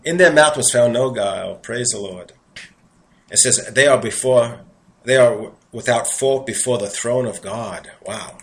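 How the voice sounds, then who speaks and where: In a roughly recorded sermon, a man from New York, judging by his accent, reads scripture aloud and stops for earnest, conversational asides between verses. He speaks in an unhurried, mid-range voice.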